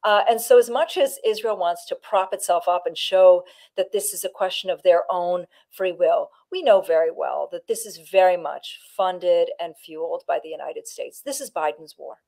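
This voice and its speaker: A woman's voice: on the low side, moderate pace, gravelly, a little mellow. A woman from Canada, a former negotiator, giving a firm interview answer and stressing her key points. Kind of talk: political interview.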